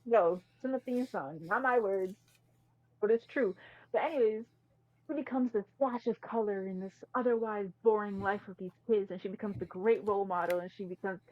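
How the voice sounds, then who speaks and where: A woman's voice: medium pitch, moderate pace. A woman co-hosting a podcast, reviewing a movie in an emphatic, slangy, casual chat. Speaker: podcast co-host. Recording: slightly muffled, dry mic.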